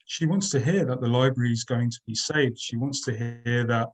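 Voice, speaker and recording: A man's voice: mid-range voice, moderate pace, poor audio. A man from Croydon, answering as a candidate in a local debate in an earnest way. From Croydon, England. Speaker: council candidate.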